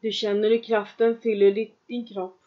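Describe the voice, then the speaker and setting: A woman guides a trance meditation in a medium-pitched, mid-range voice, speaking to the listener in calm, measured instructions. Long pauses fall between her lines, and the recording is dull and lo-fi.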